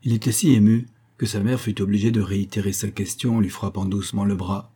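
A man giving a measured, even reading of a classic novel as narrator. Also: on the low side, breathy edge. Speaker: audiobook reader.

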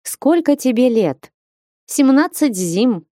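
A woman voicing a bold, strapping young northern warrior woman who speaks loudly and bluntly in an audiobook. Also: high voice, big pitch swings, slow pace, no echo, clean studio sound, voice pushed up, heavily acted. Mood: friendly. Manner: loud, hearty and blunt.

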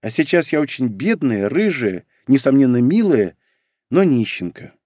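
A man's voice: mid-range voice, big pitch swings, moderate pace, a little mellow, no echo, studio quality. A man reading an audiobook, voicing a cheerful, spendthrift young red-haired woman who whines and wheedles. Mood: whiny. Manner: whiny, wheedling, dramatic.

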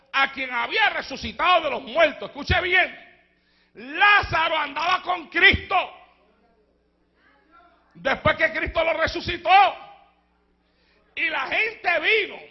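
A man preaching a fervent Pentecostal sermon as pastor, moving between shouted lines and hushed storytelling and breaking into speaking in tongues. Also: very high voice. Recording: dull lo-fi church recording.

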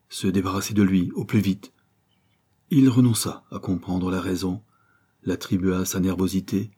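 Guy reading a classic novel, deep mellow voice, measured. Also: slightly rough. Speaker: audiobook narrator. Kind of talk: scripted literary narration.

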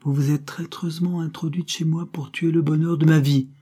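A man's voice: a little high, little pitch movement, moderate pace, mellow, voice pushed up, lightly acted. A man reading an audiobook voices a furious, cornered, treacherous nobleman who speaks in an angry, blustering way.

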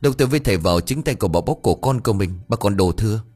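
A man voicing a stern middle-aged village father who shouts and scolds. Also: fairly low pitch, lively intonation, rapid-fire, faint music behind. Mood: scolding.

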